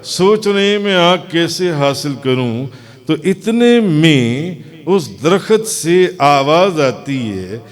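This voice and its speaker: A man with a Pakistani Urdu accent, a Sufi preacher telling a story in a sermon, with dramatic drawn-out repetitions and chanted calls. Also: fairly high pitch, lively intonation.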